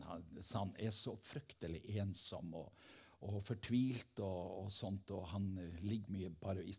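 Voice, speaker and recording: A man's voice: lowish voice, darkish tone, husky. A man giving a fervent devotional testimony as a preacher, telling stories from his own life. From Helgeland coast, Norway. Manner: fervent, storytelling.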